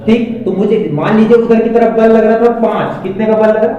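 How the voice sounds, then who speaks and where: A man's voice: high-pitched, fairly quick, muffled recording. A man teaching a physics class as a lecture, constantly asking his students questions to check they follow. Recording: echoey classroom from far off.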